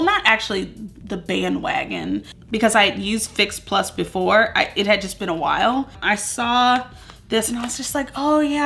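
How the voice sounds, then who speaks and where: A woman's voice: mid-range voice, creaky, bright, forceful tone, a little hiss or hum. A woman in her thirties talking through a casual get-ready-with-me vlog at home, upbeat and rambling with plenty of fillers. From Southern US. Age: 30s. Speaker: beauty vlogger. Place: at home among moving boxes.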